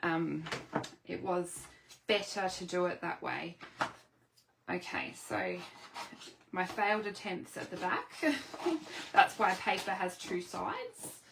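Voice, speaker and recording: Woman papercraft demonstrator, casual tutorial chat, self-interrupting, slightly low and gravelly, faint noise. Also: very animated, slow, pauses often. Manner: rambling, chatty, self-interrupting.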